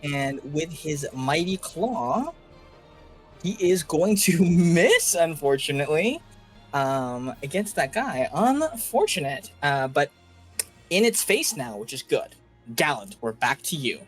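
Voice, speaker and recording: A man's voice: on the high side, big pitch swings, unhurried, a bit bright, slightly rough. A man narrating a tabletop game casually as game master. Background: faint music.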